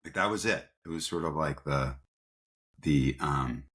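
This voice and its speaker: With a rumbling low voice that's a bit bright, he speaks at a measured pace. As a company founder being interviewed, he tells stories casually and informally, often voicing bits of dialogue.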